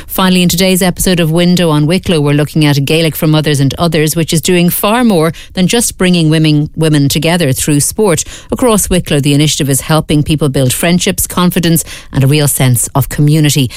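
Irish female newsreader, measured and formal, crisp voice. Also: deep voice, a little mellow, dry recording. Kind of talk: scripted radio news bulletin. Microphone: studio microphone.

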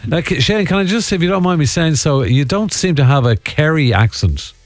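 A man's voice: fairly high pitch, animated, a little fast, no echo, faint music behind. An Irish man hosting a radio phone-in quiz, chatting casually and bantering with the contestants.

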